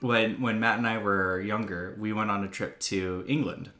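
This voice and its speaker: A man co-hosting a podcast, chatting and telling anecdotes in a relaxed way. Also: lowish voice, moderate pace. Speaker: podcast co-host. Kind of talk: casual chat. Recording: echoey room.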